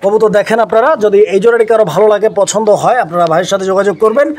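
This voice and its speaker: A man rattles through a pigeon farm tour at breakneck speed, his voice pitched high. He calls out to his viewers and repeats each price as he bargains with the seller. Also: rapid-fire. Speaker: vlogger touring a pigeon farm. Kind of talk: casual on-site product presentation.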